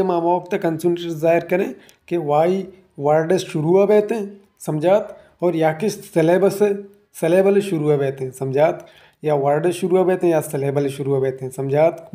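A man with a Balochi accent lectures on English grammar, working through the rules one at a time and regularly checking that his students follow. His voice sits a little high but sounds mellow and relaxed. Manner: explains step by step, often checking "understood?".

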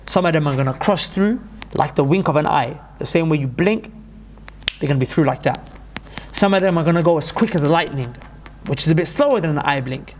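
A man's voice: sits high, a little hiss or hum. A man giving an urgent, emphatic sermon, repeating points for stress. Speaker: preacher.

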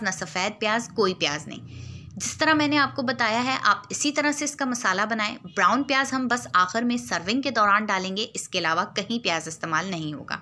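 Patient cooking vlogger, woman, bright tone, clear step-by-step explainer. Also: fairly high pitch.

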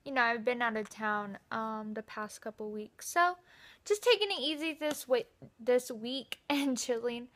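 A woman's voice: fairly high pitch, unhurried, a bit bright. A young woman chatting casually to camera from her bedroom, rambling and giggling, her speech slightly lisped by a retainer. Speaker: vlogger. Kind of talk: casual vlog chat.

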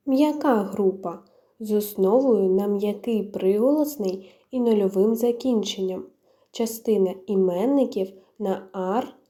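A woman teacher, slowly dictating grammar rules and lists of example words. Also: a little high, dark tone. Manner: slow, measured, dictating word by word. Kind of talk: grammar lesson, reading rules and word lists.

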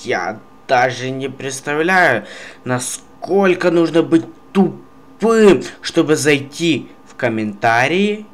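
A man's voice: fairly high pitch, lively intonation, takes it slowly. A man ranting in an exasperated, sarcastic way in a video commentary, agitated and breaking into mocking exclamations. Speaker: video blogger. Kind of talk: ranting video commentary over meme slides.

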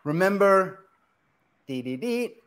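A middle-aged man with a fairly high voice leads a live cooking demo, preachy and emphatic, firing off questions and answering them himself. He is recorded by a camera across a kitchen studio. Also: animated, takes it slowly, a bit bright, slight background noise. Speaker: chef.

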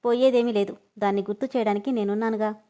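A woman voicing a loving, teasing young husband who protects his wife, speaking quickly and a little lower than her own voice. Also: steady tone, mellow, natural voice. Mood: tender.

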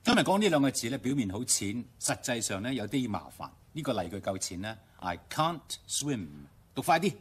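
A man with a Hong Kong Cantonese accent teaching English pronunciation on radio, explaining step by step and slowly modeling English words. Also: medium pitch, slightly rough. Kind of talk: radio language lesson. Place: radio studio.

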